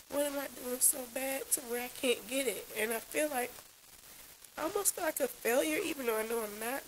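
Woman, tearful after crying, drained venting, slightly high voice, confessional vlog, faint hiss. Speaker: vlogger. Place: small bedroom, lying in bed. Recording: hissy, noisy home camera recording.

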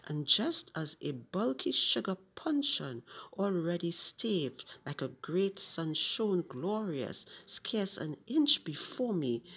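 Slow, husky-voiced woman reading bedtime verse with lots of melodic swing. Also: fairly low pitch. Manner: expressive, slips into whispers. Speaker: storyteller.

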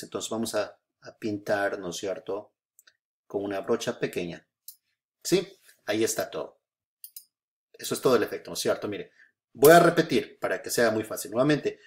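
Man in his own voice, mid-pitched, explaining screen steps patiently with many pauses and check-ins. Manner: patient, repeats steps, frequent filler "eh" and "¿no es cierto?". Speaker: photography tutorial host. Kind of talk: screen-recorded software tutorial.

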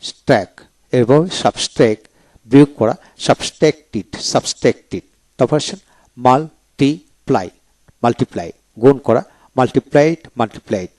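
A man, teaching English verbs in a slow read-aloud vocabulary lesson. He says each word twice, then gives its meaning, in a measured recital. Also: mid-range voice, darkish tone.

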